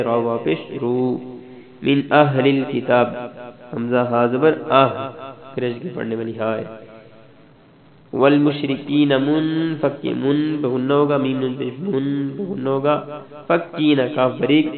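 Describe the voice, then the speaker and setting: A man teaching Quran recitation rules, going slowly and precisely through each letter. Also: medium pitch. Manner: slow, precise, spells out letter by letter. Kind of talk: tajweed lesson. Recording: tinny phone-like sound in an echoey room.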